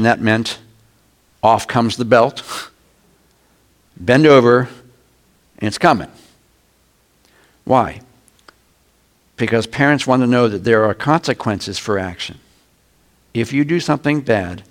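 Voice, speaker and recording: A middle-aged man, a pastor, preaching a conversational sermon with sudden loud shouts. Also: fairly low pitch.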